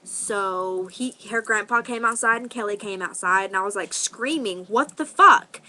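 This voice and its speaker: A woman's voice: mid-range voice, normal speed, sharp tone, a little hiss or hum, low-quality recording. A woman vlogger telling a personal story in an emotional, profane, rambling way, full of restarts. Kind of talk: casual storytelling monologue.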